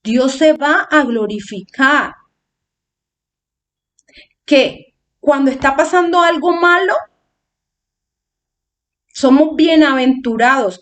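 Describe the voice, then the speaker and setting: Woman preacher, high voice, emotional testimony sermon that acts out her own prayers.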